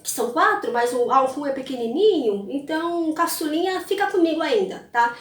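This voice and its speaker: A woman's voice: high-pitched, expressive, a little fast. A woman voicing a dragon king father who teases his youngest son in a mock-solemn way. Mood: planning. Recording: roomy, mic at a distance.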